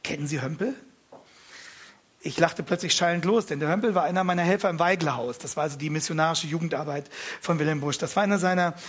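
High-voiced man retelling a story. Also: quick pace, husky. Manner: relaxed retelling with hesitations, slipping into first-person reading.

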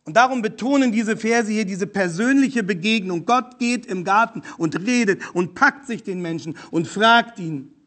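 A man preaching a sermon, emphatic, addressing the congregation directly, rising to loud exclamations and dropping to quiet asides. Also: high voice.

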